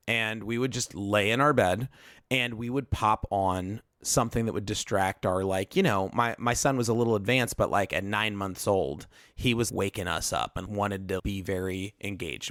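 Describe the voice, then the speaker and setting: A man's voice: on the low side, normal speed, a bit bright, dry recording, clean studio sound. A man on a podcast telling a long, rambling story, often breaking off and circling back. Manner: rambling storyteller, self-interrupting. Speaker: podcast co-host. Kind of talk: casual podcast chat.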